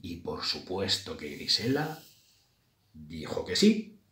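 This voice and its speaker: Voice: low voice, creaky, distant mic. A library storyteller reading a children's story aloud and addressing the children. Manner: slow, lively, addresses children. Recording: roomy echo.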